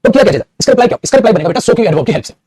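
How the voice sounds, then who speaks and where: A man's voice: high-pitched, animated, rapid-fire, dark tone, husky, dry recording. A male teacher giving a repetitive classroom-style grammar lesson, often calling his students "beta" and praising them. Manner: repetitive, addresses students as "beta", frequent "very good". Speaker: English teacher.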